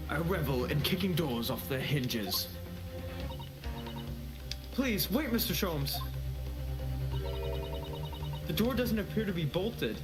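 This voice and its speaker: A man doing a pompous boastful detective. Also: on the high side. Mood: boisterous. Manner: pompous, theatrical old-fashioned phrasing. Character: pompous boastful male detective, kicks doors. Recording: loud game music behind.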